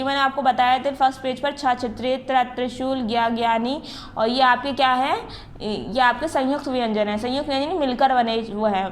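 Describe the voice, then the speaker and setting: A woman school teacher giving a recorded grammar lesson. She explains step by step, repeats terms and sounds out letters slowly. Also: high voice, fairly bright tone, slight background noise. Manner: often checks in with the class.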